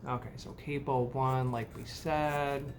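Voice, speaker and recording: A man's voice: mid-range voice, flat delivery, unhurried. A man giving a casual guitar lesson, counting beats and chanting a word for each strum pattern. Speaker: guitar teacher. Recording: guitar playing underneath.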